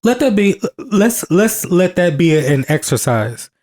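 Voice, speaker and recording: Very animated yet a little slow, this thirtysomething podcast co-host has a high voice with a darkish tone. In casual conversation he speaks earnestly, restarting sentences and repeating phrases to drive points home.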